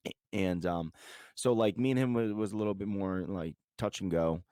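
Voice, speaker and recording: Low-voiced New man telling stories. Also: moderate pace, warm tone, clean tone, dry recording, clean studio sound. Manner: rambling, profane, lots of filler words. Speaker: podcast guest. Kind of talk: casual storytelling chat.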